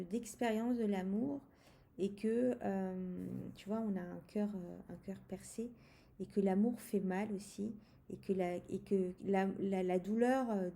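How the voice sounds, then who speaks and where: Woman, tarot vlogger, mellow dark voice with fry, casual and halting, lots of fillers, talks to the viewer. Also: mid-range voice. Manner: hesitant, many fillers and restarts; speaks directly to the viewer. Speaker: tarot reader presenting a deck. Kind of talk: casual spoken deck review.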